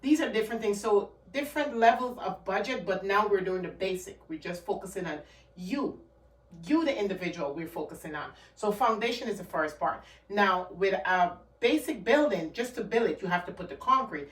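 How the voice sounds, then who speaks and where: Expressive and at a moderate pace, a medium-pitched woman from Guyana, speaking with a Guyanese accent, gives earnest money advice straight to camera. As a channel host she stays casual yet emphatic, repeating key points. The audio is echoey and off-mic.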